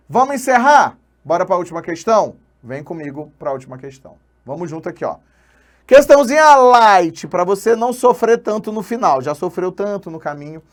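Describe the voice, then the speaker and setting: A man with a Brazilian accent teaching an online exam-prep lesson, energetic and slangy, counting syllables aloud. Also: a little high. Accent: Brazilian Portuguese.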